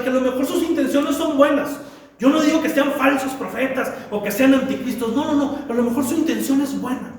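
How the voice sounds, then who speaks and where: A man's voice: very high voice, darkish tone, slight background noise. A man preaching a sermon as pastor, emphatic, repeating phrases and asking rhetorical questions. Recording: echoey church hall, mic at a distance.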